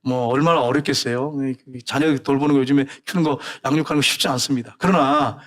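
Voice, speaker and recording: A man's voice: medium pitch, fast, fairly bright tone. A middle-aged male pastor preaching a sermon, exhorting the congregation with scolding rhetorical questions.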